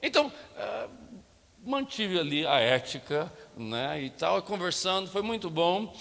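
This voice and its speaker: Male pastor, Brazilian Portuguese accent, animated sermon storytelling, bright edgy voice, long church reverb. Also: sits high, measured pace, creaky. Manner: animated storytelling, acting out dialogue and addressing the congregation. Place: church sanctuary.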